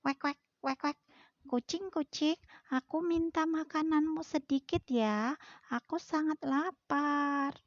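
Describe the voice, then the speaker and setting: A woman voicing a hungry duck in a children's story, begging in a whiny, high voice. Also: takes it slowly, no room sound, muffled recording. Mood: pleading. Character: hungry pleading female duck.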